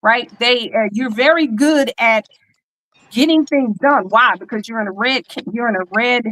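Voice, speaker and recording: A woman's voice: fairly high pitch, moderate pace, fairly bright tone, rough recording. A woman hosting a casual livestream over a video call, talking with many fillers and frequent laughs. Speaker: host reading spiritual charts.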